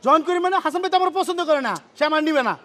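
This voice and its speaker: An actor playing a jealous, whining bachelor friend who talks in rustic colloquial speech, in a comic television drama. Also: male voice, extremely high pitch, very fast, a bit bright, slight background noise.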